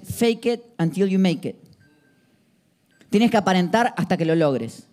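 Guy giving a sermon, high voice, emphatic, lots of rhetorical questions. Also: dark tone. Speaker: preacher.

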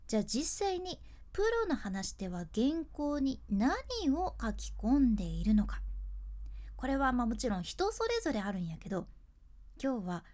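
A young freelance announcer with a Fukuoka Japanese accent gives a casual speaking lesson in a slightly high, sing-song, somewhat mellow voice at normal speed. Her explanations are chatty and sprinkled with dialect endings.

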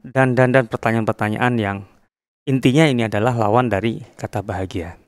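A man from Indonesia, an ustadz, giving a measured religious podcast talk with many fillers and Arabic quotations. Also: mid-range voice, steady tone, smooth, no room sound, studio quality.

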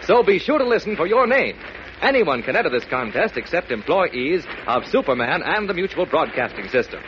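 An old-time radio announcer, a man with a fairly high, animated voice. He reads scripted notices emphatically to young listeners over a muffled, faintly noisy broadcast. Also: a little fast.

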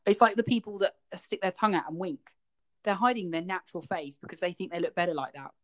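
A man's voice: sits high, fast talker, a bit bright. A man co-hosting a podcast in casual chat, telling stories with a wry, chatty manner. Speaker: podcast co-host.

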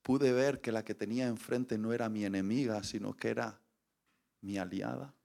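A man, preaching a sermon as an animated storyteller who acts out scenes and voices. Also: on the low side, moderate pace, vocal fry.

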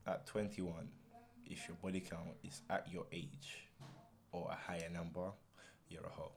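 Deep-voiced young London roadman chatting. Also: level tone, normal speed. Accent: London, multicultural urban roadman slang. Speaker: podcast host. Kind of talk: casual chat.

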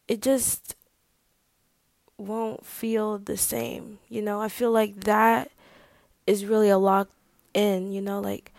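Slow, creaky-voiced young woman confiding. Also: medium pitch, no room sound. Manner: hesitant, halting, full of fillers; drops to a soft whisper at times. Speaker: vlogger. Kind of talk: personal video diary.

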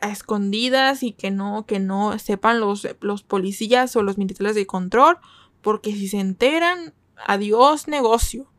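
A chatty woman talks through a series in a relaxed, conversational way. Her voice sits fairly high, and she keeps asking her listeners whether they are following along. The sound is dry and close, with no room echo. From northern Mexico. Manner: chatty, asks listeners for agreement with frequent tag questions. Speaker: K-drama reviewer. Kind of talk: casual review chat.

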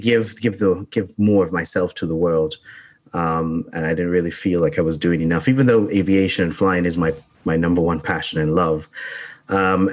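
A young man in his twenties from Barbados talks as a podcast guest. His voice sits very low. He pauses often with ums and restarts his sentences. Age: 20s. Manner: hesitant, many ums and restarts. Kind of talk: casual interview talk.

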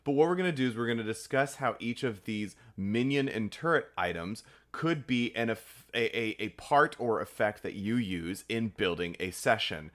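Low-voiced jokey man chatting casually. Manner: jokey, excitable, quick to laugh. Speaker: podcast co-host. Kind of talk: casual geeky discussion chat.

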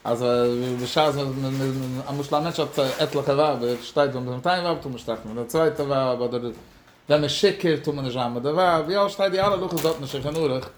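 A man giving a Torah lecture as a religious teacher, halting and repetitive, mixing in English words. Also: medium pitch, slight background noise. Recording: echoey room.

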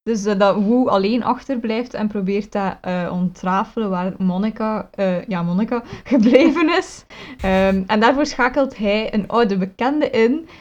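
A woman's voice: mid-range voice, unhurried, darkish tone. Woman co-host, hesitant, filler-heavy, dull lo-fi sound. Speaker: podcast co-host. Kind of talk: casual chat.

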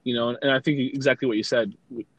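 A man's voice: medium pitch, steady tone, rapid-fire, husky, no room sound. A man guest in a casual interview, easygoing and rambling with lots of fillers. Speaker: guest, brand consultant and content creator.

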